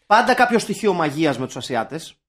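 A young man from Greece trades casual banter on a podcast. His voice sits high and swings up and down as he launches into jokey, profane rants. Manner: animated, swearing, jokey rants. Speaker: podcast co-host. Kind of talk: casual chat.

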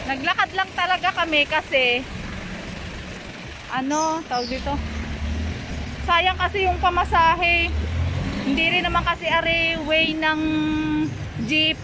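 A woman's voice: very high-pitched, fairly even intonation, a little slow, pauses often. A young woman from the Philippines vlogging while she walks, chatty and explaining as she goes, talking through a face mask. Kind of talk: casual vlog chat while walking. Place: outdoors on a street, walking. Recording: street noise behind, passing cars.

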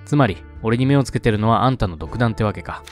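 Guy reading a curt gruff loner hero, dry lines, lively pitch. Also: quick pace, faint music behind, lightly acted. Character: gruff young male loner protagonist, curt.

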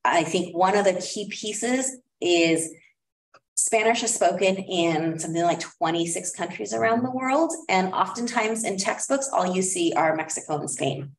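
A lowish-voiced woman, heard over slight background noise, presents a curriculum recommendation at a school board meeting. A district administrator, she talks casually with many fillers, in an echoey room far from the mic.

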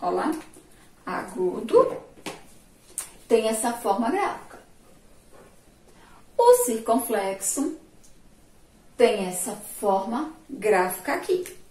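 A woman teacher with a Sergipe Brazilian Portuguese accent gives a remote lesson, drawing her syllables out slowly as she asks her pupils questions and praises their answers. Her voice is a little high, very animated, and slightly mellow. The room is echoey and she sits far from the mic.

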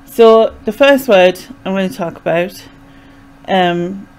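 Her mid-range voice is slow, smooth and a little mellow as this young vlogger from Sunderland, North East England, explains things in a rambling, casual, hesitant manner with a Mackem accent. It's a low-quality recording from a small bedroom, captured close on a desk microphone with a pop filter.

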